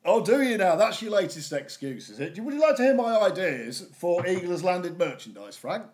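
A man playing a cheeky, sarcastic female mature student in an improvised comedy sketch, deadpan and teasing. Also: high voice, moderate pace, slight background noise. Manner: deadpan, teasing, ends lines with a name.

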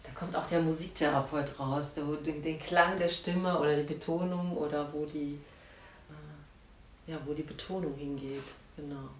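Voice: medium pitch, fairly even intonation, normal speed, roomy sound. An interviewer who thinks aloud while asking questions, searching for words with many fillers. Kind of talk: conversational interview.

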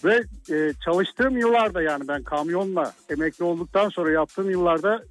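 A man's voice: sits high, moderate pace, no room sound, soft background music. A man calling in to a radio show over a muffled, distant phone line, talking politely and plainly. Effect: heard over the phone line, muffled and distant. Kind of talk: casual phone-in chat.

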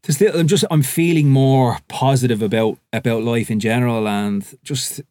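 A man's voice: mid-range voice, moderate pace, no room sound. A man hosting a podcast, chatting casually and telling stories with the odd swear word. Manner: relaxed storytelling, swears freely. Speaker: podcast host. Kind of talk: casual conversation.

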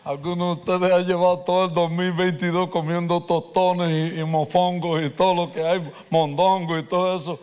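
A man preaching a sermon, telling a personal story with animated delivery and slipping in English words. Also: sits high, normal speed, hardly any pauses, smooth. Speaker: pastor. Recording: reverberant hall.

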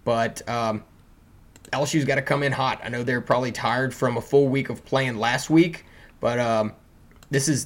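Chatty male sports podcast co-host. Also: mid-range voice. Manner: chatty, loose, with fillers and restarts. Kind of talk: casual sports podcast chat.

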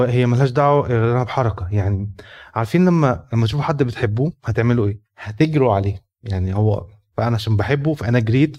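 A man's voice: medium pitch, darkish tone, lo-fi sound. A man with an Egyptian Arabic accent talking spontaneously about faith and family, with many fillers and restarts. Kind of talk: casual spontaneous talk.

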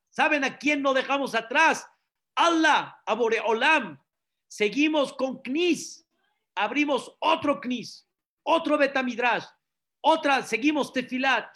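A rabbi preaching a sermon, repeating phrases and asking the listeners questions. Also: male voice, very high voice, sharp tone. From Mexico. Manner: preaching with repetitions and rhetorical questions.

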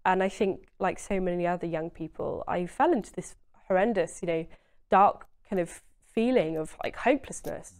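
A woman's voice: lowish voice, normal speed, a little mellow. A woman, speaking earnestly and emphatically as a guest in a conversational interview, often saying "you know". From Essex, England. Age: 20s.

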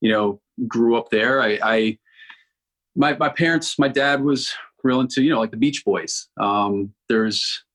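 A man in his forties from Connecticut answers as a podcast guest. His voice sits at an ordinary middle pitch, and he speaks in halting bursts, repeating words as he thinks. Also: fairly bright tone. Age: 40s. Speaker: record label founder, guest. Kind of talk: casual interview chat.

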